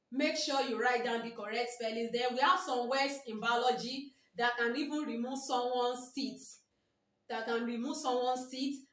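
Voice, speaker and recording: Heard from afar in an echoey room, a woman with a high, somewhat bright voice and a Nigerian English accent runs a biology exam-prep class. She tends to say things twice, posing "what?" and then supplying the answer herself.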